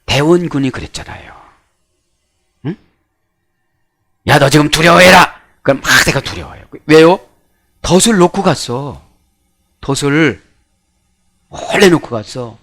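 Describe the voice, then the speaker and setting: A middle-aged man preaching a sermon that explains Bible words from the original languages, alternating loud emphasis with sudden quiet drops and rhetorical questions to his listeners. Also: mid-range voice, lively intonation, normal speed, pauses often. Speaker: pastor.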